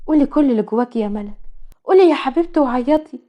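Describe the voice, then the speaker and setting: A woman's voice: high voice, lively intonation, racing, dull audio. A woman with an Egyptian accent voicing a scheming young woman who talks in a coaxing, falsely sweet way. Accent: Egyptian Arabic.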